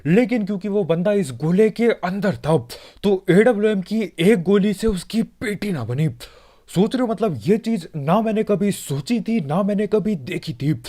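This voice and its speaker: Lively, mellow-voiced gaming commentator man. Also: sits high, moderate pace. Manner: joking, chatty, talks straight to viewers. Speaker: gaming channel host. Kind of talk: casual gameplay commentary voice-over.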